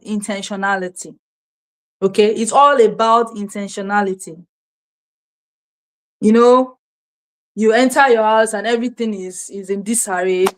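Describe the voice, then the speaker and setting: Poor audio captures a medium-pitched woman, a Yoruba-speaking Nigerian self-help coach, talking to camera through her streaming setup. On her motivational livestream, she poses rhetorical questions to the audience and keeps repeating key words.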